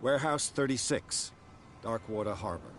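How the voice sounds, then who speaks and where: An actor playing a cool private detective who asks probing questions in a dry manner, heard as game audio. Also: male voice, mid-range voice, expressive, moderate pace, noisy background, lightly acted.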